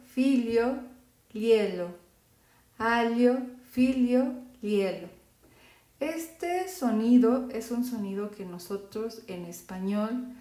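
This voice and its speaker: Female language teacher, dark and mellow tone, unhurried delivery, echoey room. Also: mid-range voice. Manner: slow, careful, repeats example words. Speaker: Italian teacher. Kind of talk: phonetics lesson for Spanish speakers.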